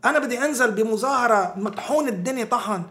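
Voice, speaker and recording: Lebanese guy talking politics informally, pretty high voice, rapid, repeats himself to make points. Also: sharp tone. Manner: emphatic, repeats phrases, rhetorical questions, coarse language.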